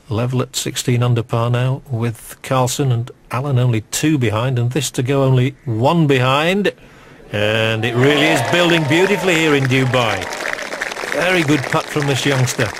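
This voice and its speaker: A middle-aged man works as a golf commentator on a live broadcast. His mid-pitched voice is conversational and musing, with quiet enthusiasm. Clear ambient noise from the course sits behind him. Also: normal speed. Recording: noisy outdoor broadcast ambience.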